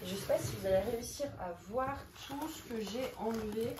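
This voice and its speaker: A woman with a fairly high pitch and a brisk delivery talks over background noise. She's a crafting vlogger at home, casually chatting to viewers as she organizes canvases, musing out loud and teasing herself.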